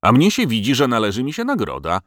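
A man's voice: mid-range voice, wildly swooping pitch, fast talker, a bit bright, no room sound, clean studio sound. A man voicing a bold, cheerful farmer who teases a king in a storybook reading. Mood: cheeky. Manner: cheerful, teasing, stubborn.

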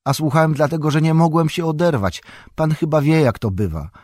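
A man's voice: on the high side, fairly quick, darkish tone, no echo, studio quality, voice pushed up, close to an everyday voice. A man voicing a frightened young male hobbit gardener who pleads eagerly.

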